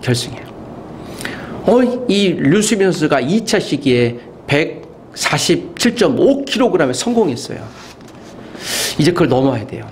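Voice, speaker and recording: Male pastor, sermon delivery, fairly high voice that swoops up for emphasis. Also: measured pace, pauses often, slight background noise. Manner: animated preaching with rhetorical questions and sudden pitch leaps. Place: university chapel room.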